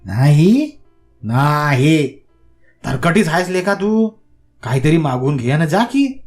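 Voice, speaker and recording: A man's voice: fairly high pitch, lively intonation, normal speed, soft background music, voice pushed up, lightly acted. A man playing a shrewd village man who bargains with and orders around a ghost. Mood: coaxing. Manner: coaxing, then commanding and wry.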